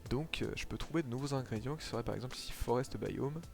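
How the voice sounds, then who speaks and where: He talks fast, with medium pitch and vocal fry, while livestreaming a game and casually walking viewers through what he's doing, using lots of filler words. Faint music sits behind his casual commentary.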